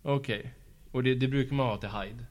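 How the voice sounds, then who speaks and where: A man working at a school, interviewing children in a casual, patient and encouraging way, asking gentle follow-up questions. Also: medium pitch. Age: adult. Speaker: school after-school staff interviewer. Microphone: handheld mic passed to pupils.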